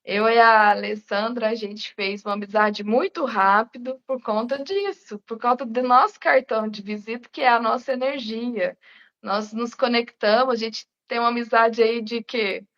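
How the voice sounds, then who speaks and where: A woman's voice: on the high side, normal speed, a bit bright. A woman therapist in casual live chat, speaking reflectively and often ending with "né?". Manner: reflective, many "né?" tags. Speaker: integrative therapist. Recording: dull lo-fi live stream audio.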